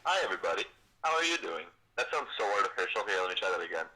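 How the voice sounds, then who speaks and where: A friend calls in to a live stream over speakerphone, his low voice very animated, very fast, pushed, and bright. The recording is rough, and the casual phone chat is full of laid-back, dry joking.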